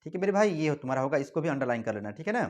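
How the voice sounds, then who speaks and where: A man teaching an exam-prep lesson with a fairly high, animated voice that swings up and down. He talks casually and calls his listeners brother. He slows down to read example sentences word by word. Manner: lively, repeats phrases for emphasis; reads example sentences slowly and deliberately. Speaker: Hindi teacher.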